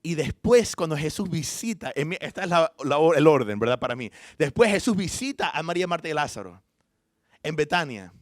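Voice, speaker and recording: Animated pastor, a man preaching. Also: on the high side, fairly quick, no room sound, clean studio sound. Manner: animated storytelling, swinging from hushed to loud; informal asides and self-corrections. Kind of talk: sermon.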